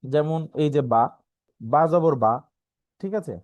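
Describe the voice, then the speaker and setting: A man with a Bangladeshi Bengali accent, teaching an online Quran reading class, spelling out letters slowly and often checking in with "right?". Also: on the high side, darkish tone, no echo. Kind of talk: online lesson.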